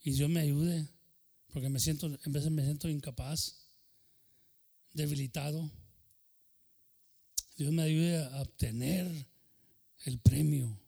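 A man, a pastor who leads a sermon and prayer, talks fast and sometimes unclearly, and keeps calling out "Señor". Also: a little high, steady tone, gravelly, mellow, slightly rough, long reverb tail. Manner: fervent praying, repeating "Señor". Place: church service.

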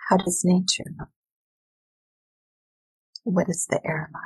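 Slow, breathy, low-voiced woman guiding relaxation. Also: flat delivery, no room sound, rough recording. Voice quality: breathy, husky. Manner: soothing, gentle, deliberate phrasing with pauses. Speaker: educator, workshop leader. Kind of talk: slow, soft guided relaxation and visualization.

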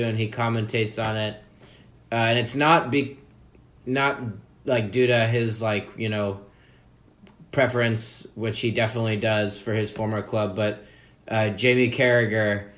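A man's voice: mid-range voice, flat delivery, moderate pace. Rambling, swearing male podcast co-host. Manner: rambling storyteller, heavy swearing and fillers. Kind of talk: casual chat.

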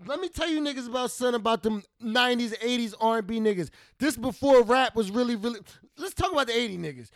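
A man with a high-pitched voice holds forth in a loud, animated casual chat, swearing freely as he tells stories. The sound is close and dry, with no room around it. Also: quick pace, few pauses, dry recording. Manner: loud, animated, profane storytelling. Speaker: podcast host.

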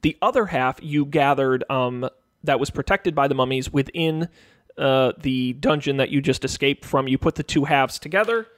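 A man's voice: medium pitch, normal speed, no echo, clean studio sound. A man narrating as game master of a tabletop role-playing game, loose and chatty, with many ums and restarts.

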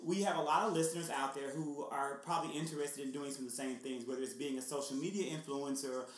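A man hosting a podcast interview, asking questions in a measured, encouraging way. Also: mid-range voice, steady tone. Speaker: podcast host. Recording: roomy echo.

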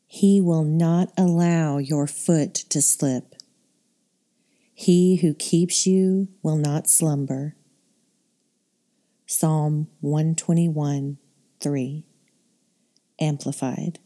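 Slow, dark-voiced woman guiding meditation. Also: low-pitched. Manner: slow, soothing, calm delivery. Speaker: meditation guide.

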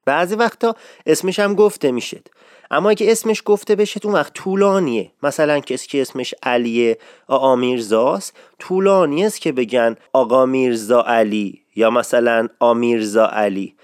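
A man giving a casual spoken lesson on dialect forms of address, repeating key words slowly for emphasis. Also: medium pitch, no echo, studio quality. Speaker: dialect teacher.

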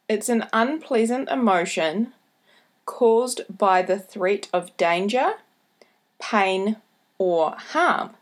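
A woman with a broad New Zealand accent hosting a solo podcast, giving motivational advice in a careful, deliberate way. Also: medium pitch. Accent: broad New Zealand (Kiwi). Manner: deliberately slowed, careful delivery with repeated key points. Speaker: podcast host.

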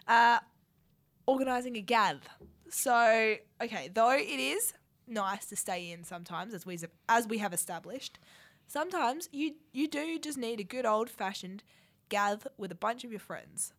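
A young Australian woman co-hosting radio in casual chat, her voice croaky and hoarse from a head cold, chatty and self-deprecating. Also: a little high, lively intonation, unhurried, a bit bright. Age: young adult. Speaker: radio co-host.

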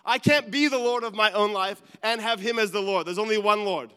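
A man's voice: high voice, brisk, sharp tone, smooth, in a large hall. A man preaching a sermon as a pastor, earnest and building to emphatic peaks, with restarts and asides.

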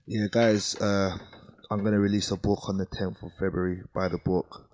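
A man's voice: low voice, flat delivery, moderate pace, a little mellow, dry recording. Man on a dry, close podcast. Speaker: podcast panelist. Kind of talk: casual advice chat.

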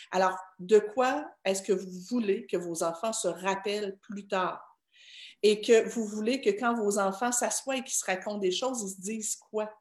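Earnest Québécoise woman in an echoey room. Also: mid-range voice. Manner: earnest, asking rhetorical questions. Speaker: parenting speaker and host. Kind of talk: heartfelt advice talk to parents.

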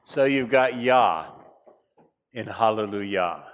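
A man's voice: fairly low pitch, animated, slow pace, slight background noise. Man lecturing with wry asides. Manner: chatty, wry asides, frequent fillers. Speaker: teacher. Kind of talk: classroom lecture.

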